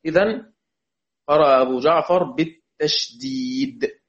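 Egyptian sheikh teaching, dull lo-fi sound. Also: male voice, on the high side, fairly bright tone. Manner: chants verses slowly, quizzes students. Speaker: sheikh teaching Quran recitation. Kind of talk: religious lesson. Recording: dull lo-fi recording.

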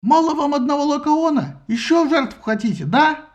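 A man voicing a shrill, bossy male schemer who shrieks and rants in an audiobook. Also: big pitch swings, brisk, a little mellow, highs cut off. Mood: shrill ranting. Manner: shrieking, ranting. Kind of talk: audiobook character voice.

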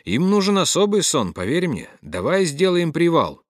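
A man reading the part of a gentle, patient young priest in an audiobook. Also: on the high side, moderate pace, no echo, studio quality, voice pushed up. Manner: soft and calm.

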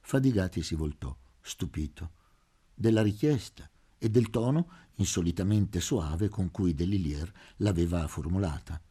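A man narrates a literary novel as an audiobook in a measured, expressive way. His voice is low and husky. It has a dark, mellow warmth. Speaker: audiobook reader.

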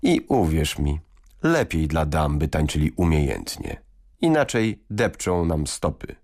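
A man's voice: extremely low pitch, wildly swooping pitch, a little slow, gravelly, heavily acted. A man voicing a cheerful medieval queen. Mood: fond. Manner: fond, chatty, gently teasing. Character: gentle, cheerful middle-aged medieval queen.

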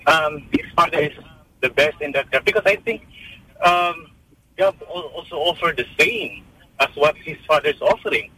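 A man with a Filipino accent calling in to a radio show over a speakerphone line, halting and full of ums as he gives his opinion. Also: on the high side, sharp tone, husky, low-quality recording. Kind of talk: opinionated call-in comment.

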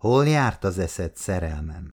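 A man reading the lines of a devoted, attentive middle-aged husband in an audiobook, speaking softly and warmly. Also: low voice, sing-song, breathy edge, exaggerated voice. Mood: loving.

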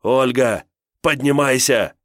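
A man's voice: on the low side, unhurried, dry recording, studio quality, pitched above the performer's own voice, close to an everyday voice. A man voicing an anxious young male prisoner who calls out urgently.

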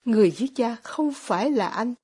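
A woman voicing a gentle, devout young man who speaks quietly and deliberately, read as an audiobook. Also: a little high, lively intonation, husky. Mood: hushed. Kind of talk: audiobook reading of dialogue.

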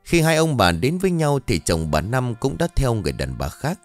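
A man narrating an audio story in a dramatic, expressive reading style. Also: mid-range voice, normal speed, faint music behind.

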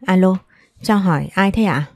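A woman voicing an anxious, caring older father in an audio story, read in a soft, plain way. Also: medium pitch, moderate pace, dry recording, faint music behind, lightly acted.

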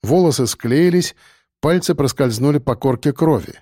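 A man narrating a tense first-person audiobook in a steady storytelling manner. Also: on the high side, moderate pace, no echo, clean studio sound.

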